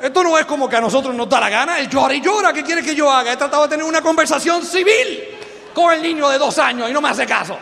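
A middle-aged Puerto Rican man with a strikingly high voice delivers a lively motivational seminar. He jokes and keeps throwing questions at the crowd. His voice rings out with a long reverb in a big hall. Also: fast talker, vocal fry. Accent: Puerto Rican Spanish. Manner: animated, joking, quizzes the audience with questions. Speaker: motivational business speaker. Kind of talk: live motivational seminar talk.

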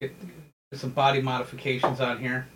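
A man's voice: medium pitch, completely flat delivery, normal speed, far from the mic, crowd noise. A man in his thirties hosting a casual chat, joking loosely and laughing often. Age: 30s. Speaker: podcast host.

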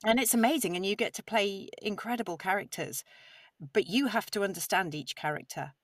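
A woman's voice: medium pitch, a little fast, no room sound. A woman who narrates audiobooks, explaining her craft with enthusiasm in a podcast interview. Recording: slightly distant mic, dry sound.

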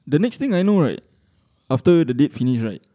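Casual male podcast storyteller, mellow voice, Malaysian-Singaporean accent and slangy English peppered with lah and sia, swears freely. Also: on the high side, very animated, brisk, muffled recording. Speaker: podcast co-host.

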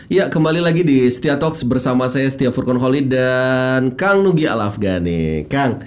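A man hosting a talk show, eager and quick to agree. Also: medium pitch, expressive. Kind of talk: casual interview chat.

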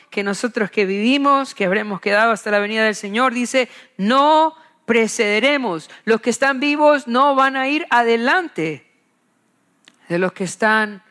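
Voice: mid-range voice, pushed and bright. A preacher giving an expository Bible sermon, emphatic, repeating key phrases and asking rhetorical questions.

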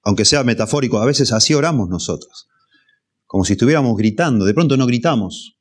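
A man preaching an expository sermon, measured and repeating key phrases for emphasis. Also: medium pitch, animated. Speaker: pastor.

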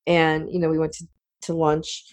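A woman's voice: sits low, completely flat delivery, normal speed, a little mellow. A middle-aged woman co-hosting a radio talk show, telling family stories in a chatty way with lots of fillers. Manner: chatty, storytelling, many fillers. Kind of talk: casual chat.

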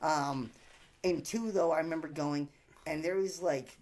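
A man's voice: a little high, unhurried, darkish tone. A man from Canada, a podcast guest, telling loose stories in casual chat with lots of swearing and filler words.

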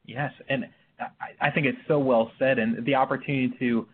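A man's voice: mid-range voice, fairly even intonation, moderate pace. A man speaking as an interview guest, hesitant and searching for words. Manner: hesitant, many fillers and restarts. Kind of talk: conversational interview. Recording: phone-like line with faint hiss.

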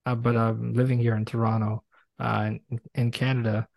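American guy hosting a podcast, dry close audio, gushing, stumbles and repeats words, mid pitch. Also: level tone, vocal fry, darkish tone, no echo. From Brooklyn, New York. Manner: effusive, halting delivery with repeated words. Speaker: podcast interviewer, host. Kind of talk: conversational podcast interview.

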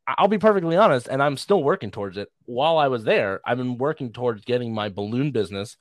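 A man's voice: medium pitch, expressive, quick pace, dry recording. Rambling, laughing male comedian storyteller. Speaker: comedian guest. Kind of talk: casual podcast chat.

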